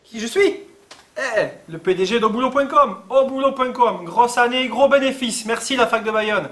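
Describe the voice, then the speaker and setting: A man's voice: very high voice, normal speed, a bit bright. A man playing a brash, boastful caller in a student comedy sketch. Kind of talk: comic sketch acting.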